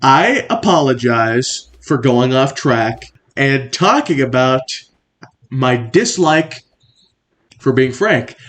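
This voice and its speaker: A young man hosting a comedy video, delivering mock-serious commentary that builds into stammering, exasperated rants. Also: medium pitch.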